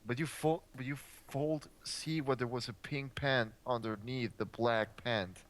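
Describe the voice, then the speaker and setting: A young man reads aloud in a deadpan, exasperated tone, stumbling through the text on purpose. His voice sits at an ordinary male pitch. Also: unhurried. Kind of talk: mocking dramatic reading.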